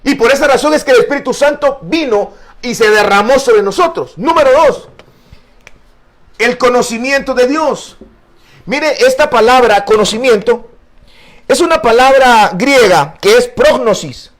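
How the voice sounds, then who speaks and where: A male pastor with a very high-pitched voice teaches a Bible study a little slowly, earnest and explanatory. He uses frequent fillers and repeated words and addresses his listeners as brother.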